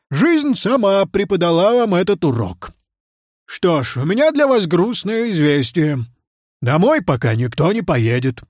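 A woman's voice: sits low, a little mellow, no room sound, clean studio sound. A woman voicing a flustered bearded male class teacher who talks in exclamations and lectures.

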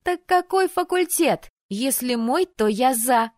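A woman voicing a lively, blunt young woman with glasses who teases her friends, in a bright, raised, emphatic voice. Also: high-pitched, slow pace, no echo, clean studio sound, pitched above the performer's own voice. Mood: lively teasing.

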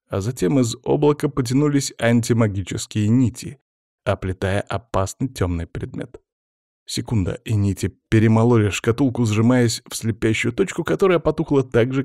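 A man narrating a fantasy audiobook in the first person, in an even, measured storytelling manner. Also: medium pitch, gravelly, no echo, studio quality.

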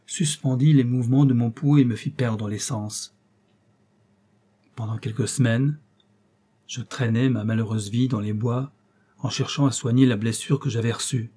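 A man reading an audiobook aloud in steady, even scripted narration. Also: mid-range voice, husky. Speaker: audiobook reader.

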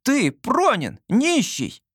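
A man voicing an eager, boastful little boy who chatters excitedly in a high childish voice. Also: normal speed.

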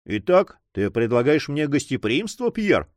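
A man's voice: mid-range voice, very animated, a little slow, dry recording, studio quality. A man voicing a cautious older uncle and governor who scolds the young men in a story. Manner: worried, scolding.

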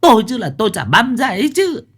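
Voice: medium pitch, wildly swooping pitch, husky, pitched above the performer's own voice. A storyteller voicing a domineering elderly mother-in-law who berates her daughter-in-law in a shrieking tirade. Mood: scornful. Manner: shrieking, rapid-fire tirade.

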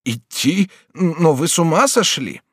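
A man's voice: on the high side, sing-song, unhurried, a bit bright, breathy edge, dry recording, studio quality, pitched above the performer's own voice, exaggerated voice. A man voicing an anxious, motherly older woman in an audiobook. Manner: anxious, fretful.

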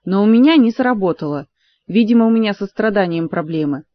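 A woman reading aloud and voicing a stern, sensible queen who explains in a measured way. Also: medium pitch, expressive, dull audio, lightly acted. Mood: explaining.

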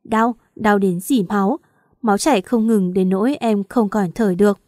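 A woman's voice: mid-range voice, moderate pace, a little mellow, no echo, studio quality. A woman narrating a first-person romance story aloud, acting out the quarrels and tears in the dialogue. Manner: emotional, voices the quarrels and crying. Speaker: audiobook narrator.

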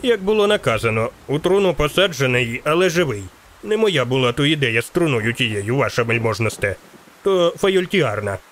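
A man's voice: medium pitch, very animated, normal speed, fairly bright tone, slight background noise. A man doing a rattly-voiced fawning merchant. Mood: pleading. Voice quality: slightly rattly voice. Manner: wheedling, servile. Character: fawning middle-aged male merchant, greedy.

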